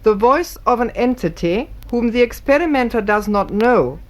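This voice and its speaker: A woman's voice: a little high, lively intonation, moderate pace. A woman giving formal, scripted narration, reading carefully and precisely.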